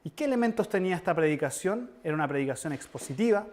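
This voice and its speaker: A man delivers a sermon-style lecture to his church. His voice sits high for a man, and he speaks with earnest emphasis. He addresses the listeners directly as he teaches. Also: expressive, quick pace, darkish tone. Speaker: preacher teaching church history.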